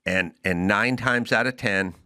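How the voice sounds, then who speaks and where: A man's voice: fairly low pitch, a little slow, sharp tone, clear, resonant tone. A middle-aged man hosting a podcast, delivering an opinionated comedic rant and acting out both sides of imagined exchanges. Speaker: podcast host.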